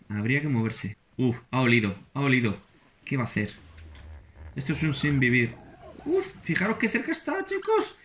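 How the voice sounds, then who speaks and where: A man with a Spain Spanish accent commenting on his own gameplay as a channel host, excitable and quick to repeat words in anxious bursts. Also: mid-range voice, slight background noise. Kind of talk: let's play commentary.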